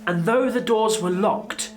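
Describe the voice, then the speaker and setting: A man's voice: high voice, a little slow. A man as an earnest, reflective old apostle narrating. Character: older male apostle recalling his past. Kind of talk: dramatic narration.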